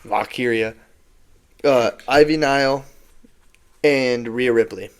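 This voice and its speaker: A man's voice: mid-range voice, takes it slowly, smooth. A young man co-hosting a casual wrestling recap podcast, rambling and stumbling over words. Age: young adult. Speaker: podcast co-host.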